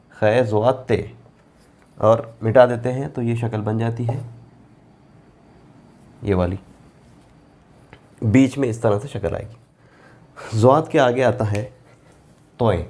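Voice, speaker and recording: A man teaching Arabic letters as a Quran reading teacher, patient and repetitive, drawing out each letter name slowly. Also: mid-range voice, darkish tone. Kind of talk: board lesson explaining Arabic letters.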